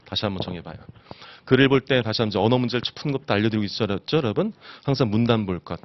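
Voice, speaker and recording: A man's voice: fairly low pitch, racing, dry recording, dull audio. A man teaching an exam-prep lecture, constantly asking his students rhetorical questions. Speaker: instructor.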